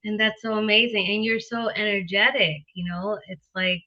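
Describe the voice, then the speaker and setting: A woman's voice: mid-range voice, steady tone, normal speed, dull audio. A woman in her thirties hosting an interview as a realtor, bubbly and laughing often, with many fillers and restarts. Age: 30s. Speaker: realtor and show host. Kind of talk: casual interview chat.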